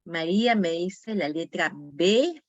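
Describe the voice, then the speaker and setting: A woman's voice: lowish voice, lively intonation, slow pace, no echo, highs cut off. A woman teaching an online class for teachers, going over quiz answers, naming students and repeating key words. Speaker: teacher training instructor.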